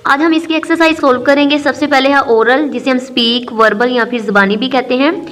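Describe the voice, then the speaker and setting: High-voiced woman teaching a lesson. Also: fairly even intonation, fairly bright tone, faint music behind. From Pakistan. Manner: explains patiently, repeats points, reads English lines slowly. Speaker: English teacher. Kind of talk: recorded lesson explanation.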